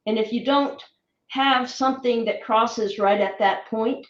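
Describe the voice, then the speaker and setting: A woman's voice: fairly high pitch, measured pace, muffled recording. Distant roomy-sounding woman on a call. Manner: hesitant, many fillers and restarts. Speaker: guest sharing orb photos. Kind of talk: casual explanatory chat.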